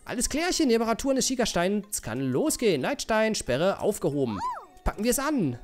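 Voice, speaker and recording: A man voicing a cheeky, excitable young girl inventor in a game, reading her lines in a bubbly, giggly voice with a high pitch. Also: a little fast, soft background music. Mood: chirpy.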